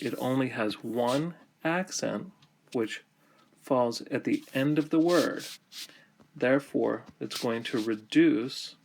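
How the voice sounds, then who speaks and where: A man teaching a grammar lesson, explaining step by step in slow, deliberate phrases with many pauses. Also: medium pitch, creaky, slight background noise.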